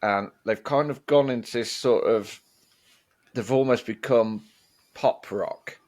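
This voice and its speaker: A man's voice: mid-range voice, slow pace, a little mellow. A man co-hosting a casual music podcast, talking in a wry, rambling way with lots of hedges. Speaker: podcast co-host.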